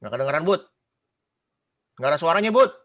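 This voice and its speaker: Male preacher, higher-pitched, animated, chatty; questions the room. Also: brisk. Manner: animated, quizzes the congregation, mimics gossip. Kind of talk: casual sermon.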